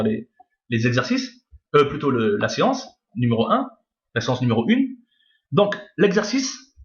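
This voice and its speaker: A man teaching a reading lesson, patient, repeating each point and checking that his listeners follow. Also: on the high side. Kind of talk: screen-recorded reading lesson. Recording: lo-fi echoey room.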